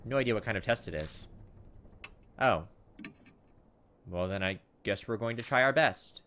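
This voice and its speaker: Speaking at a moderate pace in a low, slightly bright voice, this let's play host thinks out loud as he plays. His commentary is casual and tentative, captured on a noisy recording.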